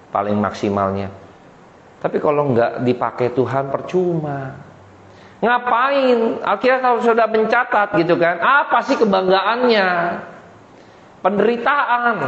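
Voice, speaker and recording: Emphatic man preaching in an echoey hall. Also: high voice. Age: 40s. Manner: emphatic, asks the congregation rhetorical questions. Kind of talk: sermon. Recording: echoey hall, dull muffled sound.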